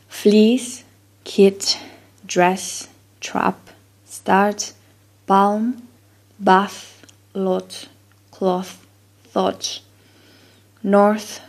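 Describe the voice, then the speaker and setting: A Chilean woman, a native Spanish speaker with a Chilean accent, reads a word list for an accent-tag vlog. Her mid-range voice has a darkish tone. She sounds casual and a little unsure, trailing off with fillers.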